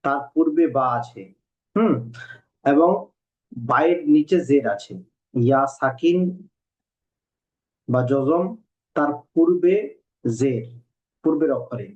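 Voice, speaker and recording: A man teaching Quran reading in a recorded lesson, patiently repeating rules and spelling letters out slowly. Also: fairly high pitch, a little mellow. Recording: dull lo-fi recording.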